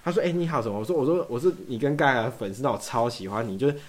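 Fast-talking young man telling a story. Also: mid-range voice. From Taiwan. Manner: fast animated storytelling, acting out both sides of dialogues. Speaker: podcast guest. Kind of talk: casual storytelling chat.

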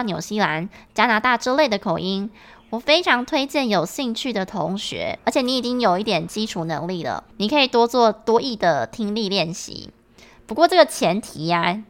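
Woman teacher, Taiwanese Mandarin accent, patient podcast lesson, mid pitch. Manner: explanatory, patient. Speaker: English teacher.

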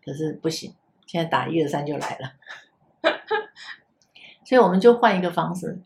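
An older woman with a Taiwanese Mandarin accent, a grandmother and former kindergarten teacher, chatting on a podcast and gently acting out how she talks to children. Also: deep voice, animated, normal speed, gravelly. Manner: gentle, repeats herself, acts out soft talk to children. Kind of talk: casual podcast chat.

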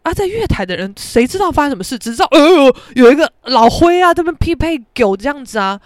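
Brash high-voiced Taiwanese woman. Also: sing-song, fast talker, dry recording, clean studio sound. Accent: Taiwanese Mandarin. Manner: brash, profane, dramatic, shouts out reenacted quotes. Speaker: podcast host. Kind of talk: casual storytelling monologue.

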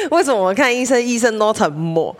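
Animated woman telling a comic story. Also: a little high. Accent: Taiwanese Mandarin. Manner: animated, exasperated, acts out her mother and the doctor in quick bursts. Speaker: podcast host.

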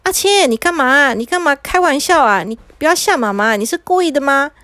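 A woman's voice: high voice, animated, fairly quick, fairly bright tone, dry recording, voice pushed up. A woman voicing an anxious mother questioning her son. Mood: worried. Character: worried mother, fussing.

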